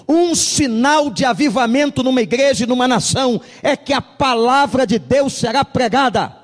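A man's voice: very high voice, moderate pace, in a large hall. A male pastor preaching a sermon, telling a humorous story and acting out the dialogue of its people.

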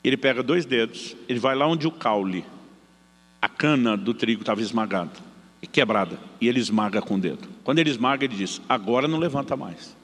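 Fast-talking pastor in a reverberant hall. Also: male voice, medium pitch. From São Paulo state, Brazil. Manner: lively storyteller acting out dialogue. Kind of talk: storytelling sermon.

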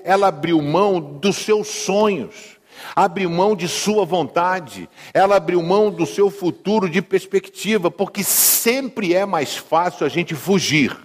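A Brazilian male pastor gives a sermon full of jokes and stories, talking directly to the congregation. His voice sits slightly high for a man. A long reverb trails behind it from a church hall. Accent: Brazilian Portuguese. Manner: humorous, conversational, asks the congregation. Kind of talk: sermon with storytelling.

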